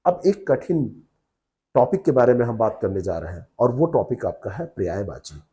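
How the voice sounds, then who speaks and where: A man's voice: mid-range voice, very animated, normal speed, warm tone. A man teaching an exam-prep lesson, asking questions and answering them himself, checking in with his listeners often.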